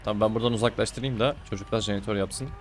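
A man's voice: fairly low pitch, steady tone, rapid-fire, soft background music. A man giving casual running commentary as he plays a game, teasing his opponent and grumbling when things go wrong. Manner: chatty, teasing and exasperated. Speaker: gaming streamer.

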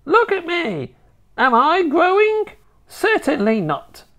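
A woman's voice: extremely high pitch, huge pitch swings, slow pace, fairly bright tone, voice pushed up, exaggerated voice. A woman voicing a nasty, bossy, gleefully wicked tiny old grandmother in a children's storybook, with a snappish, scornful, emphatic delivery.

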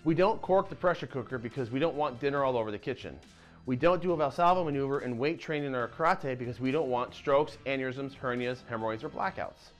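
A man in his thirties hosting a martial arts channel, presenting an explainer to camera in a lively, gesturing way with casual asides. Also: medium pitch, fast, dull audio, soft background music. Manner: animated, talks with his hands, casual asides. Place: dim indoor dojo-style room. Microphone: lapel mic.

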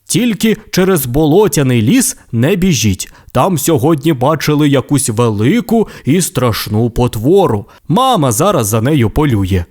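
A man's voice: mid-range voice, big pitch swings, a little slow, hardly any pauses, darkish tone. A man voicing a fatherly adult male T. rex in a children's audio tale, giving warnings. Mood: cautioning. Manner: cautioning, fatherly.

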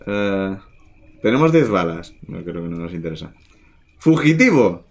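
A man's voice: low-pitched, very animated, unhurried. A man with an accent from Spain giving casual game commentary as a let's play streamer.

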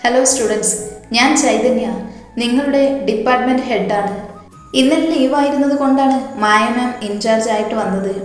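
A woman voicing a gentle, polite teacher who speaks in a composed way. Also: a little high, normal speed, close to an everyday voice. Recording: echoey hall with soft music.

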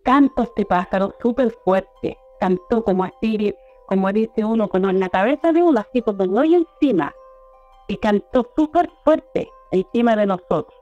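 A woman with a Chilean accent recounting a personal experience in a rambling, halting way, often repeating and restarting her words. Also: medium pitch, dark tone. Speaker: storyteller guest. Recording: muffled lo-fi audio with faint music.

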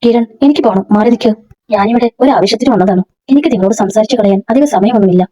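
A woman's voice: fairly high pitch, quick pace, dark tone, lightly acted. A woman reading a curt, firm young woman. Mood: curt, angry. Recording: dull lo-fi recording.

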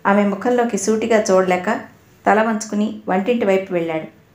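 Woman narrating a novel in an echoey room. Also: mid-range voice. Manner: measured, even storytelling reading. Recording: roomy echo.

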